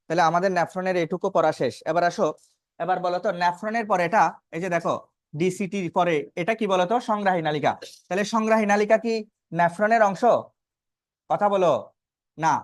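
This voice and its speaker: A man with a high voice lectures a biology class briskly, pausing often, asking questions he then answers and repeating the key terms for emphasis. The sound is clean, dry, and studio-grade.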